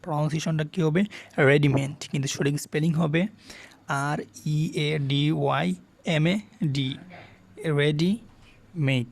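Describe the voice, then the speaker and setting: A man's voice: on the high side, fairly even intonation, a little slow, vocal fry, long pauses. A man teaching a spoken English lesson, spelling words out letter by letter and asking and answering his own questions. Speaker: English tutor.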